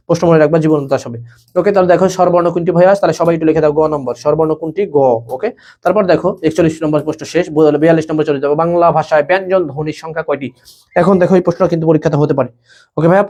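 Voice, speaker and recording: A man's voice: on the high side, warm tone. A young man teaching a live online admission class, quizzing students and repeating each question and answer. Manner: rapid, repetitive, quizzes students, keeps saying "okay bhaiya".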